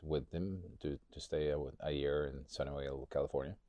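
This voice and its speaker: Phone-quality audio with no room sound captures a man with an extremely low pitch speaking steadily and fairly quickly. He's from Norway, has a Norwegian accent, and talks reflectively about personal experience in an interview, hesitant and repeating words in search of phrasing.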